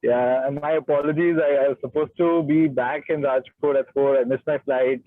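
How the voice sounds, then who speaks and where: A man's voice: mid-range voice, steady tone, normal speed, dry recording. A man in his late twenties from Gujarat with an educated Indian English accent, talking conversationally about himself in an interview and often tagging statements with "right?". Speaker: guest, startup founder. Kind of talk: conversational personal account in an online interview. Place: online call from a moving car. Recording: thin, muffled radio-like call audio.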